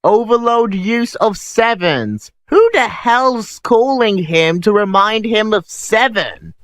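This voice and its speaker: A man's voice: sits high, expressive, a bit bright. A man hosting a sarcastic commentary over clips, mocking what he sees. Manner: snarky, mocking, unhurried. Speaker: host.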